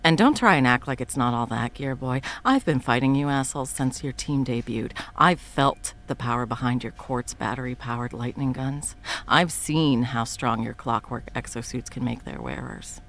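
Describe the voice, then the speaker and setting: In an audio roleplay, a woman acts as a menacing female supervillain who is cruel, scheming and mocking. Her low, exaggerated voice is expressive and a bit bright, moving at a moderate pace. She taunts and swears, swinging between whispers and outbursts.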